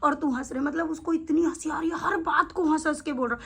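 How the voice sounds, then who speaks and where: A woman narrating a devotional story in a casual telling. Her voice is high and bright, and she keeps breaking into laughter. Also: fairly quick. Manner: laughs often while telling.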